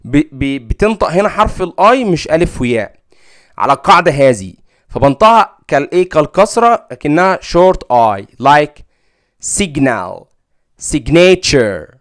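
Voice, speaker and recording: A man's voice: a little high, very animated, moderate pace, a bit bright. A man speaking Egyptian Arabic, teaching English letter sounds step by step and often checking in with "okay?". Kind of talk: lesson.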